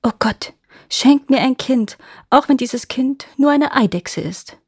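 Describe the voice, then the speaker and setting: A woman's voice: high voice, animated, a little slow, darkish tone, breathy edge, no echo, studio quality, voice pushed up, exaggerated voice. Woman voicing a pleading peasant mother. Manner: earnest, pleading. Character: childless peasant woman, longing and grateful.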